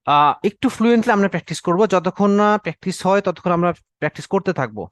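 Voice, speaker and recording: A man's voice: sits high, expressive, quick pace, no echo. A young man teaching an online class, drilling Arabic verb forms and stopping often to ask "okay?", with English words mixed into his speech. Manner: mixes English words into Bengali.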